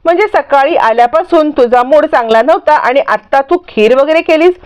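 A woman's voice: high voice, moderate pace, natural voice. A woman voicing a middle-aged husband who is puzzled and teasing, asking question after question. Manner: questioning, bantering.

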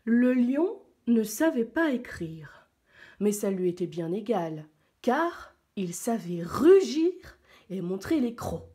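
A woman teacher reading a picture book aloud to young pupils, slow and expressive. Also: a little high.

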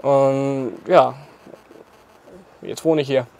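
A Portuguese choreographer in his twenties speaks extremely slowly in a gravelly, mid-range voice with a darkish tone, interviewed outdoors before a graffiti wall. He's casual and laughs often between phrases, and the recording is rough.

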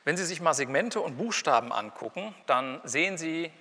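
A man's voice: on the high side, lively intonation, normal speed, pushed and bright. A man giving a university linguistics lecture, talking in a conversational way with wry asides and saying example words aloud to show how they sound. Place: lecture hall. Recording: lecture hall with long reverb.

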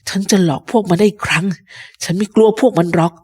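A woman voicing a sick old male pirate captain who craves rum, talking slowly and low with strain. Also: fairly even intonation, a little mellow, slightly rough. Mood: defiant. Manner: slow, low, strained speech. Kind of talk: storybook reading.

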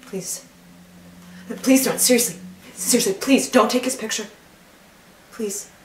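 A middle-aged woman playing an earnest, troubled woman in a dramatic monologue, pleading in a hushed, halting, sorrowful way. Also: a little high, natural voice. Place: indoor studio against plain backdrop. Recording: roomy, distant mic, background noise.

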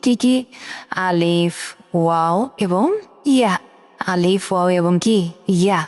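A woman's voice: fairly low pitch, darkish tone, long reverb tail. Patient woman teaching letter sounds. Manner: patient, repeats letter sounds slowly and drills. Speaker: Quran reading teacher. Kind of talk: step-by-step recitation lesson.

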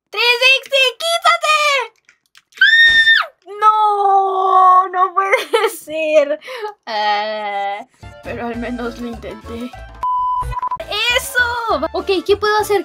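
A woman giving excitable gameplay commentary, laughing often and bursting into exclamations. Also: high voice, unhurried, music in the background. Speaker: gaming video host.

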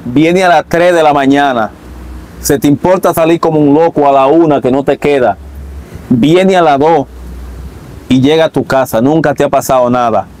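A man's voice: fairly high pitch, moderate pace, a little mellow, poor audio. Dominican man vividly retelling a testimony. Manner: vivid storyteller, acts out both sides of a conversation. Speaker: interviewee giving a testimony. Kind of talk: retelling a religious testimony with quoted dialogue.

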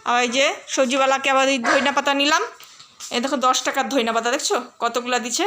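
A woman's voice: sits high, steady tone, a little fast, noisy background. A woman chatting casually in a home vlog, often switching to doting baby talk with her dog. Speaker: vlogger. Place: indoors at home.

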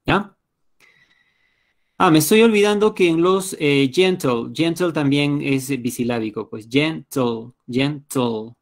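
Speaking at a fairly high pitch and without hurry, this Peruvian Spanish-accented English teacher leads an online class. His explanations are patient, and he regularly checks in with the students.

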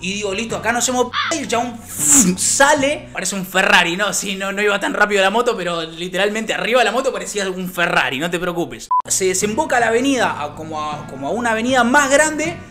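Young argentine man, lively storytelling, acts out voices, laughs a lot, faint music behind. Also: high voice, fast talker, few pauses. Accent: Argentine Rioplatense. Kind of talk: casual anecdote.

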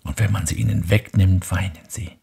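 A man voicing a small, gentle, wondering boy prince in a hushed, breathy bedtime reading. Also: low-pitched, normal speed, exaggerated voice. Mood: earnest.

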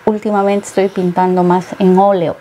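A woman's voice: mid-range voice, flat delivery, normal speed, mellow, slight background noise. A middle-aged woman from Peru, a painter being interviewed, speaking thoughtfully with many hesitations. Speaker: painter guest. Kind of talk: interview conversation. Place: studio set with bookshelves.

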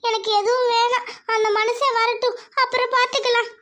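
A woman's voice: very high voice, flat delivery, brisk, a bit bright, slight background noise. A woman voicing a proud, stubborn village wife in a cartoon who is sick with fever and refuses help. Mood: weary. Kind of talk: cartoon voice acting.

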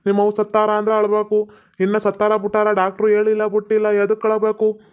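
A boastful cartoon village doctor, voiced by a man, lecturing the family and reassuring them. His voice is high for a man, smooth and resonant, and held on a flat, even pitch. The sound is dull and lo-fi. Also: fairly quick, close to an everyday voice.

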